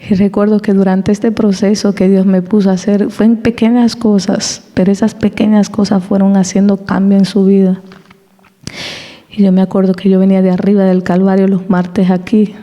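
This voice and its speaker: A woman with a soft, mellow voice shares a personal testimony in a church. She tells her story animatedly and acts out the voices in it. Her words ring with the long reverb of a large hall. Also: medium pitch. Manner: animated storytelling, acting out quoted dialogue; laughs between anecdotes. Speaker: church speaker giving a testimony.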